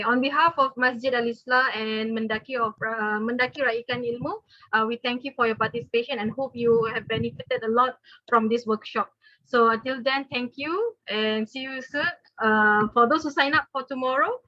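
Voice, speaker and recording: A woman's voice: on the high side, no room sound, highs cut off. A woman politely moderating a workshop as its host.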